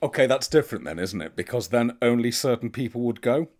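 A man's voice: medium pitch, expressive, quick pace, darkish tone. A man co-hosting a podcast in casual chat, wry and playfully opinionated. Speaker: podcast co-host.

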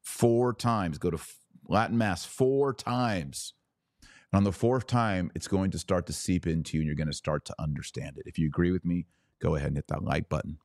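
A podcast host delivers a fervent religious monologue, exhorting listeners emphatically with rhetorical questions and repetition. His voice sits low with a darkish tone at normal speed, and the recording is dry and clean, studio-quality.

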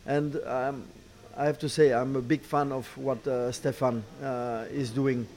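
A middle-aged man, not a native English speaker, answering interview questions haltingly, searching for words and repeating phrases. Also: medium pitch, level tone, a little mellow. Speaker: racing team boss, former driver. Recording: clear background noise, ambient sound.

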